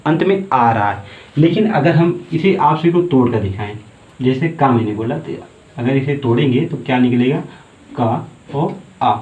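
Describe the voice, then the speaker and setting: A man teaching a basic Hindi grammar lesson, asking questions and answering them himself and repeating key words slowly. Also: medium pitch. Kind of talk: exam-prep grammar lesson. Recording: tinny, echoey phone-like room audio.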